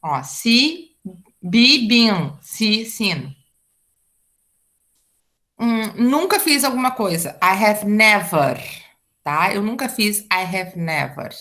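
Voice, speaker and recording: A Brazilian woman with a Brazilian Portuguese accent teaches an online English grammar class, chatty and full of asides and checks like "tá?". Her medium-pitched voice is expressive with a sharp tone, and she speaks extremely slowly, pausing often.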